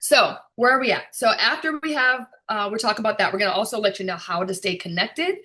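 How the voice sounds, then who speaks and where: A woman producer and director hosting a video call, chatty and excited, with frequent fillers and laughs. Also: mid-range voice, fast talker. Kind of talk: casual presentation on a video call.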